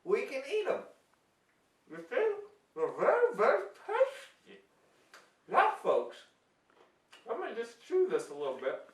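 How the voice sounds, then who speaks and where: Guy doing a folksy mushroom scientist, high-ish voice, kinda far off in an echoey room. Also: huge pitch swings, measured pace, long pauses, heavily acted. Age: young adult. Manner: chatty, homespun lecturing to folks and kids. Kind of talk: amateur news-parody acting. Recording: roomy, distant from mic.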